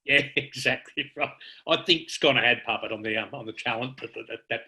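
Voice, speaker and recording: A man with a bright, sharp-edged voice telling rambling stories in loose conversation. He drops the odd swear word along the way and keeps the yarn rolling. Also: medium pitch, normal speed. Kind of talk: casual storytelling.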